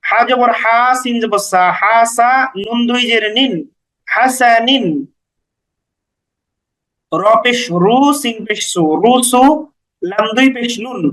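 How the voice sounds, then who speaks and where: A man's voice: very high voice, a bit bright, poor audio. A man teaching beginners to read the Quran, spelling out each letter and vowel mark syllable by syllable with patient, brief explanations.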